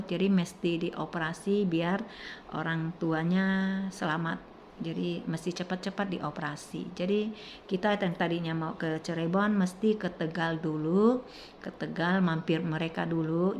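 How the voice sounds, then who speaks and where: Middle-aged lady rambling thru her testimony, lowish voice, lots of ums, bit of hiss. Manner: rambling, halting, many fillers and restarts. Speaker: testimony speaker. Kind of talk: casual personal testimony.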